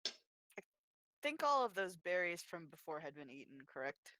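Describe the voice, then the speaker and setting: A woman acting as game master, narrating a tabletop game with many pauses and ums. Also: lowish voice, big pitch swings, background noise. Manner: hesitant, full of ums and uhs.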